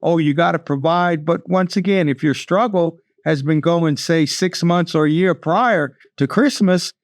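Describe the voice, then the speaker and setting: A man, a guest on a studio panel, giving measured motivational talk and speaking in short maxims. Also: fairly high pitch, no room sound. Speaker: conference co-chair, panel guest. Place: podcast studio.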